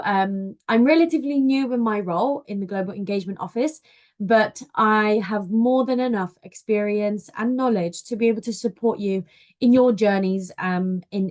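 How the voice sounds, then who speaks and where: A woman's voice: medium pitch, a little mellow. A woman from Poland, a university outreach officer, giving a friendly webinar presentation with frequent "um" fillers over a video call.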